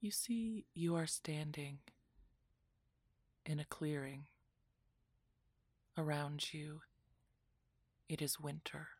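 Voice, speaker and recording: A woman narrating a guided relaxation meditation in a soft, soothing, breathy voice that often drops into a whisper, like a spa session. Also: low voice, slow pace, pauses often, no echo.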